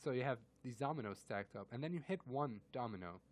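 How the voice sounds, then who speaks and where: A man co-hosting a casual radio chat, walking through physics with simple analogies. He laughs easily and keeps a friendly back-and-forth going. His voice sits at an average pitch. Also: lively intonation, fast. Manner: laughs often, explains with analogies. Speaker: co-host explaining physics.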